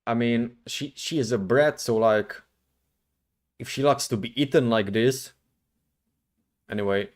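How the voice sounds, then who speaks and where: A man chatting casually as the host of a livestream, rambling in a slangy, halting way. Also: mid-range voice. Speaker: streamer, VTuber host.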